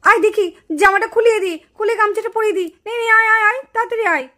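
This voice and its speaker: A woman voicing an impatient, bossy mother doll in a puppet cartoon, scolding loudly and insisting. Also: very high-pitched, fairly even intonation, very fast.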